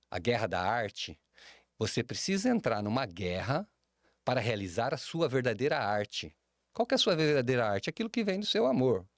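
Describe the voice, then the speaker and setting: Animated Brazilian man with lively pitch. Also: dry recording, studio quality. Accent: Brazilian Portuguese. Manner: animated, expressive pitch swings, frequent tag questions. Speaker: podcast guest, speaker and mentor. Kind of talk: podcast interview.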